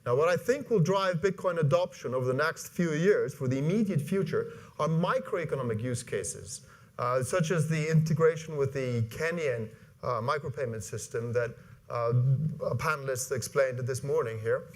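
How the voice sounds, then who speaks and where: A man in his forties from Iceland, giving an animated conference talk from a stage, with many fillers and restarts. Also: mid-range voice, normal speed. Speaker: conference speaker. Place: large conference hall with audience. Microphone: lapel mic.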